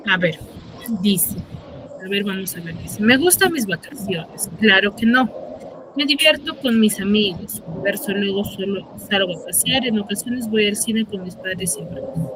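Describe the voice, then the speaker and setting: A woman's voice: mid-range voice, lively intonation, moderate pace, background noise. A woman teaching an online class, reading passages aloud, explaining them and calling on students by name. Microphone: computer or phone on a video call.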